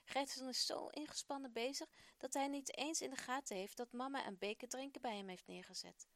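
Expressive woman telling a children's story. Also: sits high, fairly quick, no room sound. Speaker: children's radio presenter.

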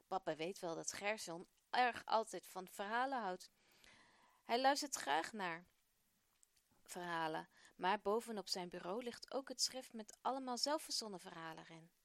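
A woman presenting a children's radio program, telling a story in a lively, expressive way. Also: medium pitch, moderate pace, dry recording.

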